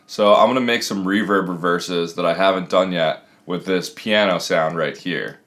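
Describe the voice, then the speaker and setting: Low-voiced man giving a casual tutorial. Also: normal speed, a bit bright. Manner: casual, explanatory. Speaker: music production tutor. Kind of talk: casual screen-recorded tutorial narration. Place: small home room.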